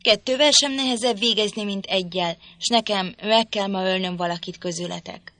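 A woman reading an audiobook, voicing a drunken, violent young father who rants and threatens loudly. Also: mid-range voice, lively intonation, no room sound. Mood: raging. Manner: loud, ranting, threatening.

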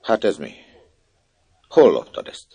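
A man voicing a coarse, shouting peasant stepmother who scolds a little girl, in a story reading. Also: sits low, wildly swooping pitch, gravelly, slightly rough, no echo, lo-fi sound, full character voice. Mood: furious. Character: coarse, shrieking peasant stepmother, middle-aged woman.

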